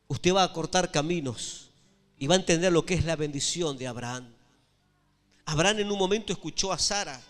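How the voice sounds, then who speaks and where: A male pastor preaches an emphatic sermon, repeating phrases and tossing questions to the congregation. His voice sits notably high for a man. A long church reverb trails every phrase.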